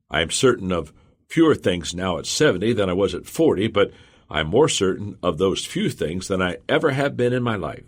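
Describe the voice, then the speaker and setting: A man reading a motivational audiobook in the first person, earnest and measured. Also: lowish voice, husky. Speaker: audiobook narrator. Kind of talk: scripted audiobook narration.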